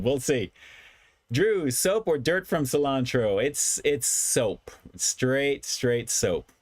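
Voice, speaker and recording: A man with a mid-range voice hosts a food review livestream, recorded with no echo. He chats casually with viewers, reading and answering their comments, and often repeats his phrases for emphasis.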